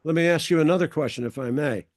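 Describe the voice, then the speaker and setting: A man's voice: on the high side, quick pace, dry recording, studio quality. A man in his seventies in casual group chat, politely offering tips in formal phrasing. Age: 70s. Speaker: meeting participant.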